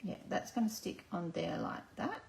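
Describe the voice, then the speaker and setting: Creaky Australian woman demoing crafts. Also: medium pitch, sing-song, moderate pace, a little mellow. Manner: chatty, talks herself through each step. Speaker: craft demonstrator. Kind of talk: live card-making demonstration. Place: at her crafting table. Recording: echoey room, faint background noise.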